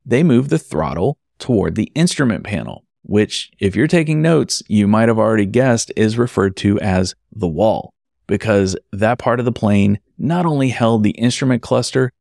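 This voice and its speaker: Man, event photographer, storytelling, wry asides, low voice, gravelly, dry sound. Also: darkish tone, no room sound. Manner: conversational, wry asides to the listener. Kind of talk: storytelling narration.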